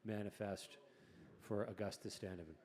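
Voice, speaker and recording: A man hosting a casual livestream interview, joking with the guest and giving shout-outs to the chat. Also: lowish voice, normal speed. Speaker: podcast host.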